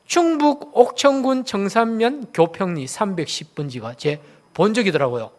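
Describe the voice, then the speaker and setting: High-voiced pastor preaching a sermon. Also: male voice, lively intonation, moderate pace. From Daegu, South Korea. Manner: asks the congregation questions and has them repeat phrases.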